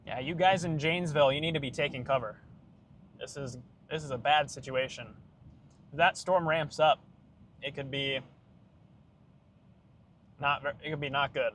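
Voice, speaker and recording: A man's voice: fairly high pitch, steady tone, normal speed, pauses often, a bit bright. A man giving urgent, anxious live storm-chasing commentary from inside a moving car. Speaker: storm chaser livestreaming. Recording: clear vehicle and road noise. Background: vehicle noise.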